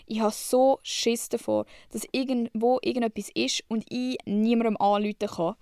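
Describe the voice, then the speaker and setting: A woman's voice: fairly high pitch, steady tone, moderate pace, darkish tone, no room sound, studio quality. A young woman from Switzerland with a Swiss German accent, hosting a casual solo podcast, chatty and blunt, swearing freely and dropping English slang. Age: young adult. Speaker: podcast host.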